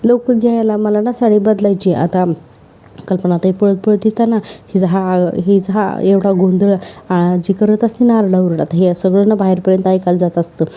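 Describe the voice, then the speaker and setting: A woman's voice: medium pitch, steady tone, normal speed, warm tone. A woman narrating a serial episode recap in a chatty storytelling way, with asides to her listeners.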